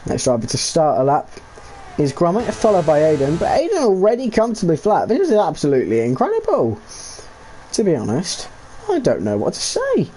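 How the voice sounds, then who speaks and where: A man giving live commentary on a sim racing league race, excitable and jokey, with rambling asides between the action. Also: on the high side, brisk, a little hiss or hum.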